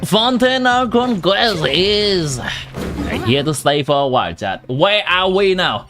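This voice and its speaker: A man's voice run through an AI voice changer, chatting playfully with his stream viewers as he plays. His pitch swings widely from line to line, while game music plays clearly behind him. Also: lively intonation, slow. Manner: chatty, playful, talks to chat. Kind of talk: casual live-stream chat over gameplay.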